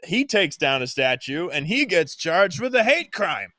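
A man's voice: on the high side, big pitch swings, unhurried, pushed and bright, no room sound, studio quality. A man co-hosting a political podcast, talking in an indignant, sarcastic way. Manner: indignant, sarcastic, mocking mimicry. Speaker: podcast co-host. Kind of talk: casual political chat.

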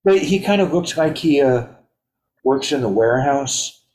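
A man's voice: medium pitch, lively intonation, a little slow, darkish tone. A man in casual chat, telling stories about his gigs and chuckling as he goes. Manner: storytelling, chuckling. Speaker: guest musician. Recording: roomy echo.

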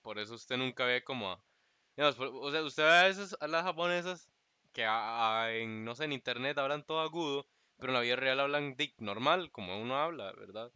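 A man's voice: mid-range voice, brisk, pushed and bright, clean tone, no room sound, highs cut off. A man with a Costa Rican accent co-hosting a podcast, chatting casually in loose slang and often laughing mid-sentence. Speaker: podcast co-host. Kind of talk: casual chat.

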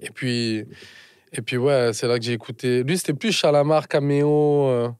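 Man, Marseille accent, halting casual chat, mid pitch, dry close sound. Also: fairly even intonation, a little mellow, clear, resonant tone, no room sound. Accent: southern French (Marseille). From Marseille, France. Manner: halting, searching for words, mixes in English. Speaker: musician guest.

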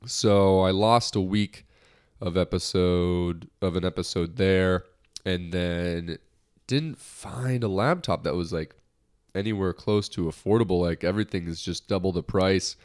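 In an unhurried, low voice that is a little mellow, clear and resonant, a young man from the United States hosts his own podcast. He rambles in a lighthearted way with frequent restarts, sounding slightly nasal after a recent cold.

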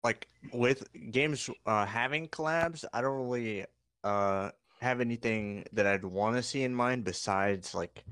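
A man's voice: mid-range voice, a little slow, a bit bright, clean tone, dry recording, clean studio sound. A man co-hosting a casual podcast chat, laid-back and rambling, often ending lines with "man". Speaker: podcast co-host.

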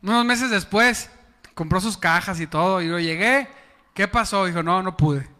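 A man's voice: high-pitched, normal speed, bright, forceful tone, big-room sound. A man preaching a sermon as pastor, chatty and often asking the congregation questions. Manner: conversational, asks the congregation questions. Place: church.

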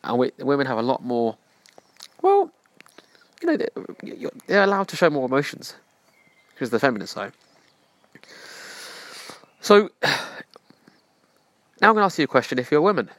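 A man's voice: mid-range voice, huge pitch swings, moderate pace, pauses often, fairly bright tone, no echo. A man hosting a self-help podcast, speaking earnestly and preachily in direct address to the listener. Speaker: podcast host.

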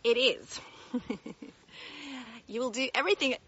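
A woman's voice: on the high side, unhurried, a bit bright, husky, highs cut off. An Australian woman talking straight to her viewers as a business mentor while walking uphill outdoors, a little out of breath, upbeat and direct. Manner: upbeat, direct, laughs often. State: slightly out of breath. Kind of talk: casual walk-and-talk vlog.

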